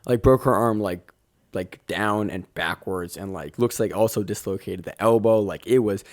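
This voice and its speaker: Male sports podcast co-host, low and hoarse, raspy, voice almost gone, informal delivery. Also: fairly even intonation, moderate pace, a little mellow. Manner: informal, repeats and rephrases. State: voice nearly gone. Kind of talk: casual sports recap chat.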